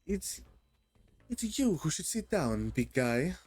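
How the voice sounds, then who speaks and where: Dude doing a squeaky taunting mob enforcer, teasing, pitch jumps all over. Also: male voice, very animated, takes it slowly, darkish tone, breathy edge, full character voice. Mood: mocking.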